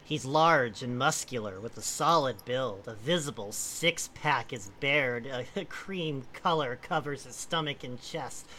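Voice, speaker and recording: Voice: mid-range voice, unhurried, hardly any pauses, pushed and bright, a little hiss or hum. A person reading a comic story aloud to friends, breaking off into casual, amused asides.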